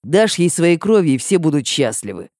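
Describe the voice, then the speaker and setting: A woman voicing an arrogant ancient male dragon in an audiobook, whispering low and seductive, then shouting in anger. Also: sing-song, moderate pace, no room sound, clean studio sound. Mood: mocking. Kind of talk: audiobook character voice.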